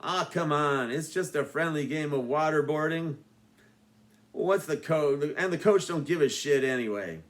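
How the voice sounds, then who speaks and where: A man's voice: a little high, measured pace, lightly acted. A man voicing dim-witted teenage bullies who speak in a mocking, rowdy way. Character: loud, dim high school bully boys.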